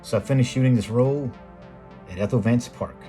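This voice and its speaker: Reading a script in a calm, measured, plainly explanatory style, a middle-aged American man narrates the photography video he hosts. He has a medium-pitched, warm voice, and background music plays.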